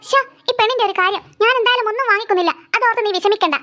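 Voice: very high voice, very fast, sharp tone. A voice actor playing a stern mother in a cartoon who scolds her daughter and refuses to buy anything on a trip. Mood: complaining. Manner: scolding, nagging. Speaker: cartoon character. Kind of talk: cartoon voice acting.

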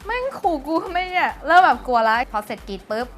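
A young woman, a guest on a studio talk show, telling a frank, animated story in casual chat. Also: sits high, fast talker. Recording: music playing behind the voice. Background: background music.

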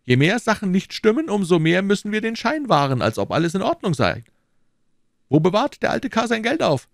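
A scheming persuader who talks down to his listener, coaxing and lecturing, as a man reads him in a raised, lively voice. The voice sits well above the reader's own and swoops about. It is a dry, close audiobook recording. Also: high-pitched, fairly quick, gravelly, no echo, voice pushed up, heavily acted. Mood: persuasive. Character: scheming smooth-talking man, cold persuader. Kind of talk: audiobook character voicing.

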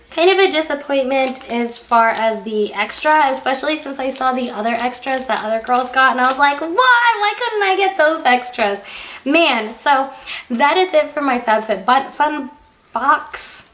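Young woman beauty vlogger, sick-sounding voice, highish and chatty, casual unboxing talk. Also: a bit bright. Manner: chatty, lots of "like" and "um". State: sick, strained voice.

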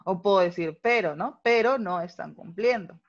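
A woman teacher with a Peruvian accent giving an online class, explaining step by step and checking in often with quick tag questions. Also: on the low side, dull audio. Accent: Peruvian Spanish.

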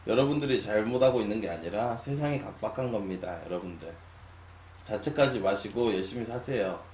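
A man of twenty-nine chatting casually with his stream viewers, musing with long sighs and drifting between loud and quiet. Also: fairly low pitch, a little fast. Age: 20s. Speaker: live streamer. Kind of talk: casual late-night chat with viewers. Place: small room at a desk. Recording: echoey room, faint hum.

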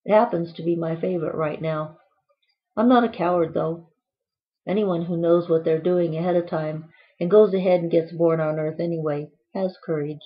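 A woman's voice: lowish voice, steady tone, moderate pace, lo-fi sound. Playful woman reading her own book. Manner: playful, whimsical, quirky asides.

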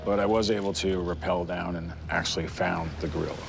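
A man's voice: low voice, fairly even intonation, a little fast, vocal fry, music in the background. A middle-aged man, a treasure hunter, talking in a plainspoken, practical way outdoors at a jungle base camp on a lapel mic. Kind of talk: field talk on expedition.

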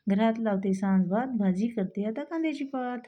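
A woman's voice: on the high side, moderate pace, muffled recording, close to an everyday voice. A woman reading as a scolding grandmother. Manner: rhyming, teasing domestic banter.

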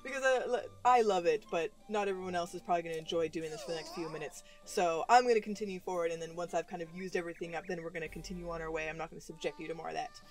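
A woman's voice: on the low side, rapid-fire, few pauses. A woman hosting a let's play, chatting playfully while she plays and talks back to the characters. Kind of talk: casual gameplay commentary. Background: game music.

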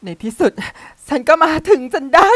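A young man hosting a gameplay video, acting out scenes in a playful, theatrical way and jumping between shouts and mock drama. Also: moderate pace, no room sound, clean studio sound, soft background music. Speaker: gaming channel host. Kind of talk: playful role-play over gameplay.

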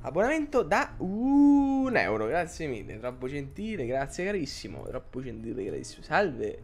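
Lively man chatting on a live stream. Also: fairly high pitch, normal speed. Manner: rambling, animated, talks to chat viewers. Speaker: live streamer reading chat. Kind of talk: casual live-stream chat.

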